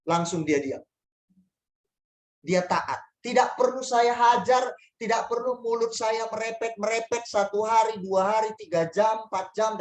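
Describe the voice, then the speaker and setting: A man pastor preaching a sermon, telling a story to his congregation in an animated, emphatic way. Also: high-pitched. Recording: roomy echo.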